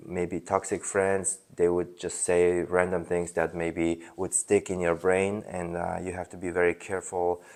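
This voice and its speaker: Very low-voiced man with a mixed Polish-Mongolian accent. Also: level tone, unhurried, few pauses, a little mellow. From Poland. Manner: hesitant, many fillers and restarts. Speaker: self-help video host. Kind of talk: casual unscripted monologue.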